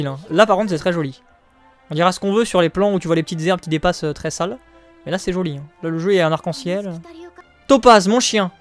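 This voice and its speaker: A male streamer giving joking, crude, self-mocking live gameplay commentary, excitable and often laughing. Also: high voice. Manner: excitable, exclaims at the game.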